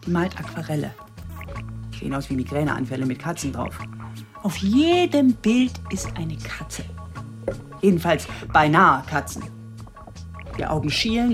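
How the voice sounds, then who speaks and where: A fed-up middle-aged wife in a radio drama, with a fairly low voice that swings widely in pitch. She vents with wry, biting humour, and faint music plays behind her. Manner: wry, venting. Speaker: wife, frame shop owner. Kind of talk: radio play acting.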